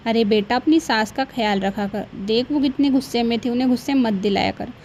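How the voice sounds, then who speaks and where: A woman voicing a gentle middle-aged mother in a cartoon, calm and advising. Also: fairly high pitch, fairly quick, muffled recording, slight background noise, lightly acted. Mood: soothing.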